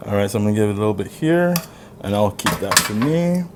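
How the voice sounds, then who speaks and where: A man working as a chef, giving relaxed, encouraging instructions while plating food in a kitchen. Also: on the low side, fast, heavy background noise. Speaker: guest chef. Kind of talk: casual cooking demo chat. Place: home kitchen. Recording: clattering dishes and cutlery.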